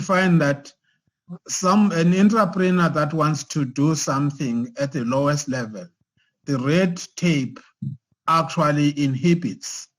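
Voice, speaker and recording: A man, speaking haltingly at a formal consultation over a video call whose sound keeps breaking up and glitching. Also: on the high side, rough recording. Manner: halting, repeats words when restarting. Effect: choppy, breaking-up online call audio. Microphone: remote call connection.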